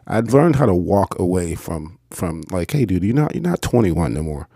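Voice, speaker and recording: A man's voice: sits low, big pitch swings, normal speed, vocal fry, dark tone, no echo, studio quality. A man in his forties hosting a podcast in casual chat, laid-back and profane, often repeating words. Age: 40s. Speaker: podcast host.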